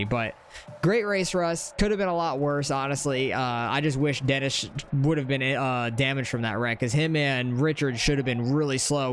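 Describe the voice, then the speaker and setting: Casting: young male gamer, chatty and excitable, rambling commentary on his own race. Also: mid-range voice, slight background noise. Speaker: gaming channel host. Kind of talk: casual gameplay commentary.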